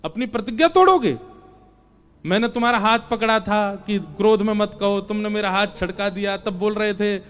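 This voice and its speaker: A man's voice: high voice, moderate pace, fairly bright tone, clean tone. A man voicing a divine male lord who guides and presses with questions in a devotional story. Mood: urging. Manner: insistent, teasing questions.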